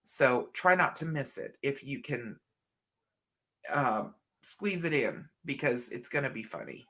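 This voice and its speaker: Her voice is very deep and very animated, a bit bright, and she speaks at a measured pace. This middle-aged livestream host sounds congested and slightly scratchy from allergies as she reads viewer comments in a chatty, affectionate way, addressing people as honey and hun.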